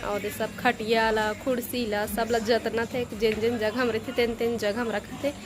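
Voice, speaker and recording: A woman with a fairly high voice and a Chhattisgarhi accent talks casually to her viewers. She narrates small household happenings in an everyday home-vlog style. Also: level tone, moderate pace. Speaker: home vlogger. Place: at home in the evening.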